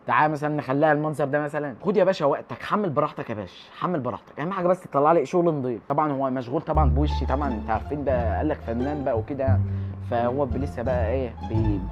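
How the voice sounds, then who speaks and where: Rapid-fire young Egyptian guy vlogging. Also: a little high. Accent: Egyptian Arabic. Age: late teens. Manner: animated, joking reactions to the screen. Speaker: YouTuber. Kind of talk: excitable tech vlog.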